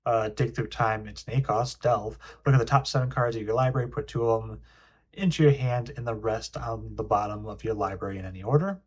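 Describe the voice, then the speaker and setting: A man's voice: on the low side, a little fast, a little mellow, breathy edge, muffled recording. A young man hosting a casual card game review, reading card text aloud between frequent ums and uhs. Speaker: card game video host.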